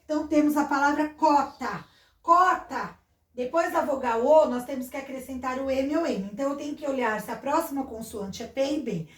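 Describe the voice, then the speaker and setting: High-voiced Brazilian woman teaching a class. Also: fairly quick, hardly any pauses, darkish tone, reverberant. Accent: Brazilian Portuguese. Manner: patient, explains step by step, addresses pupils as a little class. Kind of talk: recorded schoolbook lesson.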